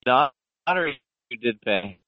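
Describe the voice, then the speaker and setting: A man's voice: mid-range voice, animated, a little slow, no room sound. Man on a call that keeps breaking up. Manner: repeats short broken questions. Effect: call connection breaking up. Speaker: show host. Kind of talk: casual call-in chat. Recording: dull lo-fi dry call line.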